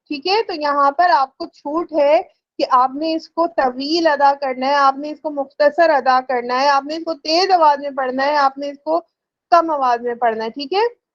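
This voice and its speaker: High-voiced woman teaching recitation. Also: lo-fi sound. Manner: patient, repeats ticks of "ٹھیک ہے"; slow drawn-out chanted recitation in examples. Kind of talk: religious lesson to women.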